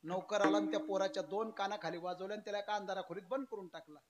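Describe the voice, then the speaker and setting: A man preaching through a folk story, emphatic, moving between loud declaiming and low narration and acting out the characters' lines. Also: fairly even intonation, fast talker, dull audio, over a noisy crowd. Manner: acts out characters' dialogue in changed voices. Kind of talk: storytelling sermon.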